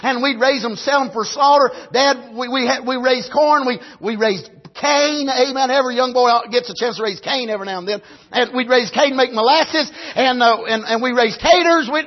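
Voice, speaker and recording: High, husky Appalachian preacher man. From rural United States, grew up on a farm. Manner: punctuates phrases with "amen", repeats and restarts phrases for emphasis. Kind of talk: folksy storytelling sermon. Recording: dull, lo-fi sermon recording.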